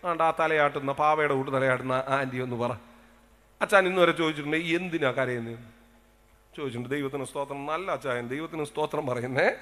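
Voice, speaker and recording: A male pastor with a Kerala Malayalam accent delivers a lively sermon in a bright, somewhat high voice. He throws questions at the congregation and drops into soft asides. A long reverb trails each phrase. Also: quick pace. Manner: animated, swings from loud exclamations to soft asides, talks to the congregation.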